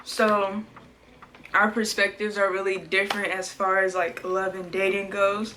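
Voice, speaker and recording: A woman's voice: mid-range voice, flat delivery, unhurried, noisy background. A woman co-hosting a casual mukbang chat, giggly and chatty, asking the questions. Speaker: co-host of a mukbang channel. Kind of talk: casual chat while eating.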